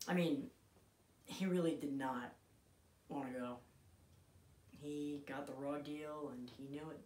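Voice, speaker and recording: A man in his twenties acting an intense dramatic monologue as a grieving, bitter son, halting and swinging between hushed and forceful delivery. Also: a little high, steady tone, slight background noise. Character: grieving, bitter young man recalling his dying father. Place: small room indoors, on a couch. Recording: roomy indoor echo.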